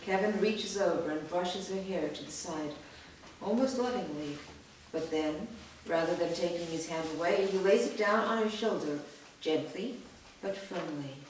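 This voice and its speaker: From far off in an echoey room comes a woman reading screenplay scene directions for a staged reading, steady and matter-of-fact. Her pitch is fairly low, her tone a little mellow, and her speed normal, with slight background noise.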